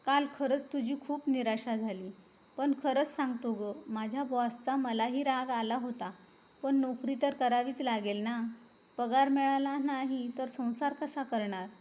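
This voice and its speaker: A woman voicing a patient, apologetic young husband who coaxes softly. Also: high-pitched, fairly even intonation, unhurried. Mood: coaxing. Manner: coaxing, soft-spoken pleading.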